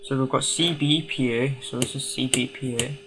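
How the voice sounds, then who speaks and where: In a noisy home recording marked by clicks, a man with a medium-pitched, steady voice speaks at normal speed. He is a hobbyist restorer hosting a video, hesitantly thinking aloud in casual, unscripted hands-on commentary while he tinkers.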